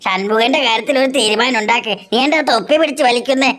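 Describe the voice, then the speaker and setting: A woman's voice: a little high, quick pace, fairly bright tone, natural voice. A woman voicing a grumbling, comic uncle. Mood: scolding. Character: grumbling uncle Gopa, a man.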